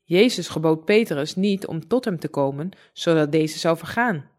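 A woman with a slightly low-pitched voice reads a devotional Bible story aloud. She narrates in a calm, measured way, as scripted storytelling.

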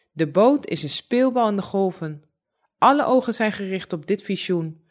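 A woman with a slightly low-pitched voice reads a devotional Bible story aloud. She narrates in a calm, measured way, as scripted storytelling.

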